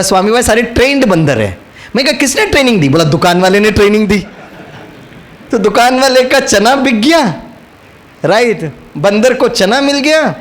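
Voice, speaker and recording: Man, high and very animated, spiritual storyteller coaxing a crowd. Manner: storytelling, coaxing the audience to repeat lines. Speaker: spiritual speaker. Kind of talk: motivational spiritual talk to an audience.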